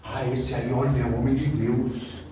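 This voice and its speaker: A man putting on the soft, affected speech of a sanctimonious churchgoer, recorded in an echoey hall from a distance. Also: medium pitch, level tone, moderate pace, slight background noise, voice pushed down, lightly acted. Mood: fawning. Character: sanctimonious churchgoer man with syrupy pious talk.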